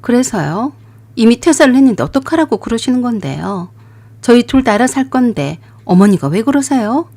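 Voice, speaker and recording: A woman's voice: on the high side, sing-song, fairly quick, dark tone, no echo. A woman voicing a young married woman in a radio drama, polite toward her mother-in-law yet defiant. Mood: indignant. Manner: polite, rising to indignant.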